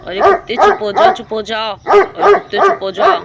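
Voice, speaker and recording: A woman voicing a sneaky, greedy male burglar who mutters low to himself in a doll story. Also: flat delivery, a little slow, heavy background noise, close to an everyday voice. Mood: panicked.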